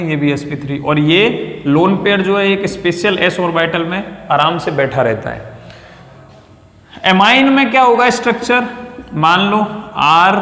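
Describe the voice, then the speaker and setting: Male chemistry tutor, high voice, repeats terms, checks in with students; echoey classroom with a long tail, mic off at a distance. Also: fairly bright tone. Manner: repeats key terms, calls students "beta", checks understanding often. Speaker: chemistry teacher. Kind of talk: classroom lecture at a whiteboard. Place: classroom or studio with a whiteboard. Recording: echoey room with long reverb.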